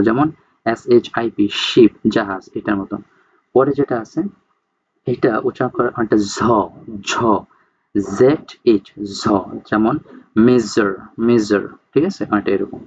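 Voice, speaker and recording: Man slowly explaining speech sounds. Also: mid-range voice, lo-fi sound, slight background noise. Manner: explains slowly, often checks in with "ঠিক আছে?"; reads English terms slowly, then explains them in casual talk. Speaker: teacher. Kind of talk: casual spoken lecture.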